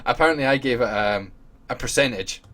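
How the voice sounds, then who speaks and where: A man hosting a casual podcast chat, jokey and quick to laugh. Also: medium pitch, fairly bright tone. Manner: giggly, jokey, laughs often. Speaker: podcast host.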